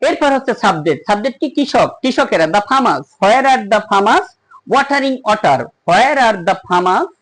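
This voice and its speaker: Teacher, grammar lesson, mid-pitched voice, step-by-step, slow on examples. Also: animated, fairly bright tone, rough recording. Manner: explains step by step and asks the listener questions; slows down to stress English example sentences. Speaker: English teacher.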